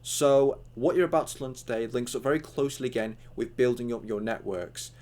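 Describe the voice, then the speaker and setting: A man's voice: mid-range voice, a little fast, a little mellow. A young man with hiccups giving a casual, rambling online tutorial, full of fillers and acted-out chat lines.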